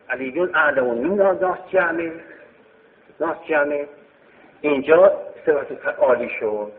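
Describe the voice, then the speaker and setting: A man teaching a grammar lesson, explaining step by step and repeating key phrases. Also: on the high side. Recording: tinny phone-like sound in a reverberant hall.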